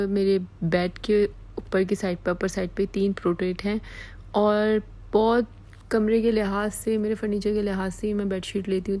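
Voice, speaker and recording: A woman's voice: medium pitch, a little mellow, low-quality recording. A woman from Pakistan giving a chatty, affectionate vlog tour of her small apartment, repeating words like "pyari si". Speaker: vlogger.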